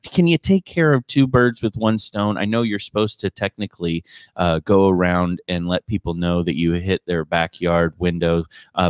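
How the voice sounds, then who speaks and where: A man's voice: deep voice, dry recording. A man hosting a podcast in casual chat, telling stories in a rambling, teasing way. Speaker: podcast host and stand-up comedian.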